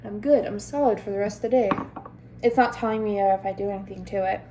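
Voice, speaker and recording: A woman's voice: mid-range voice, steady tone, fast, warm tone, slight background noise. Chatty giggly young woman vlogging at home. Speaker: vlogger and mother. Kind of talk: casual vlog chat to camera. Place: at home, indoors, in the kitchen.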